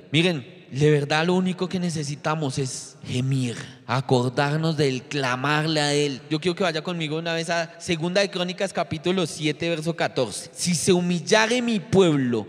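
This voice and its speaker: A man's voice: a little high, fairly bright tone, long reverb tail. A man preaching as a pastor, earnest and pleading, repeating phrases for emphasis. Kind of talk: sermon.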